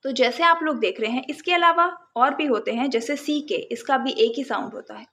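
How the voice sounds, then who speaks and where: A woman teaching phonics, breaking words into separate sounds and then blending them, in a calm lesson. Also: high-pitched, brisk. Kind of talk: slow, sound-by-sound phonics lesson in Hindi-English mix.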